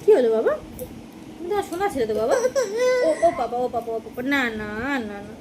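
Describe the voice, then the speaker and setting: A woman's voice: on the high side, very animated, quick pace. A young mother, coaxing her baby son to eat in sing-song baby talk at home. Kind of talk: casual home vlog, talking to a baby. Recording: noisy home ambience.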